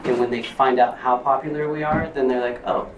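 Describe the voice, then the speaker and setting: A man, an actor on a convention panel, talking in a relaxed, conversational way. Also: medium pitch, brisk, lo-fi sound. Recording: roomy distant mic with audible noise.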